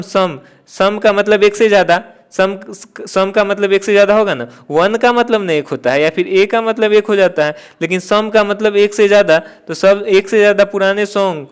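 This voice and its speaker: A male teacher leads a classroom-style exam-prep grammar lesson in a high, smooth and clear voice. Taking each question step by step, he asks and answers his own questions, then returns to hammer home the key points with "theek hai".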